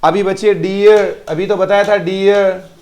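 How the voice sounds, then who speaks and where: A man's voice: high voice, steady tone, measured pace, darkish tone. A man teaching English pronunciation in a live online class with an Indian English accent, repeating each word and praising students by name.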